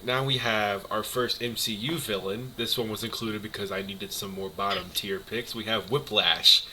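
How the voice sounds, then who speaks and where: A young man co-hosting a casual chat, pitched a little low, opinionated and animated. He restarts sentences often as he gets worked up. The recording carries clear background noise. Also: normal speed. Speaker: co-host ranking movie villains.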